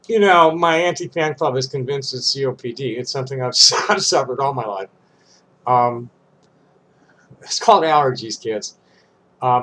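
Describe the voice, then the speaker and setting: Recorded poorly with slight background noise, an older male vlogger reads a statement and adds offhand comments. His mid-range voice sounds fairly bright yet congested and stuffy, coming from a cramped, cluttered room.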